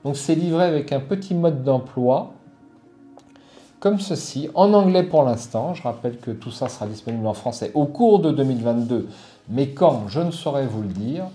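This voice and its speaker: A man's voice: mid-range voice, lively intonation, normal speed, mellow, faint music behind. Hesitant French man reviewing board game accessories. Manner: hesitant, many fillers and restarts. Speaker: board game channel host. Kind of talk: casual product review.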